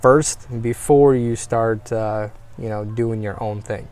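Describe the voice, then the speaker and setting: A man's voice: lowish voice, steady tone, takes it slowly, a little mellow, smooth. An American man chatting casually as a guest, hesitant, with many ums and restarts. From United States. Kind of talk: casual conversation.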